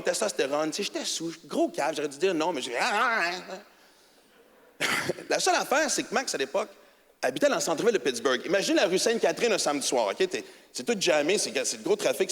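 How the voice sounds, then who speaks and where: A middle-aged man from Quebec with a Québécois French accent, doing animated, colloquial stand-up storytelling that swings between mumbling and shouting, into a handheld mic in a theatre. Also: a little high, fast. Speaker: stand-up comedian. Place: large theatre stage with audience. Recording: hall reverb with audience ambience.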